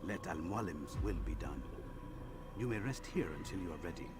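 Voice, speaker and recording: A man's voice: low-pitched, animated, normal speed, very noisy. A man playing a haughty, formal bureau chief of an assassins' guild in a video game cutscene. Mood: officious. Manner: formal, officious, theatrical. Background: music.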